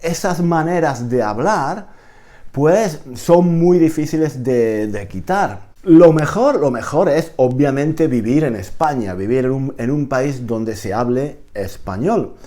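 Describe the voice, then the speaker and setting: A man from Spain with a Spain Spanish accent, giving a casual video lesson as a Spanish teacher, animated and repeating phrases as he explains. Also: mid-range voice, slow.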